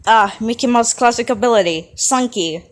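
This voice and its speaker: A woman's voice: fairly high pitch, normal speed, faint music behind. A woman giving sarcastic roast commentary, snarky and full of swearing.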